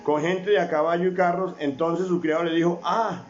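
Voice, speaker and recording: A man's voice: fairly high pitch, flat delivery, fairly quick, muffled recording, soft background music. A man preaching a sermon as a pastor, often calling on his brothers, asking rhetorical questions and repeating phrases.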